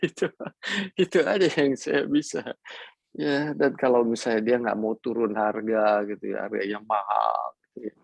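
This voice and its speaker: A man's voice: fairly low pitch, normal speed, vocal fry, dry recording. A man preaching a sermon, telling personal stories in a playful way and mixing in English words.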